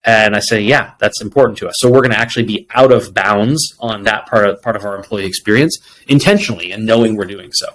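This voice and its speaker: A people executive appearing as an interview guest answers conversationally, telling reflective stories sprinkled with quoted dialogue. He has a fairly low, fairly bright voice and talks fast with few pauses, though the recording quality is low.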